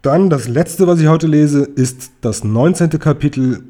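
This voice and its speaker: A man calmly reading a children's book aloud, chapter by chapter. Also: fairly high pitch, a little slow. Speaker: reader.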